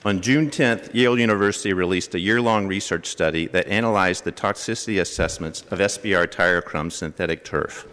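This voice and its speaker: A man reads a prepared statement at a city board's public comment. His voice is deep and he is measured and factual. The sound echoes through a large chamber. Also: fairly bright tone. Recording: long hall reverb.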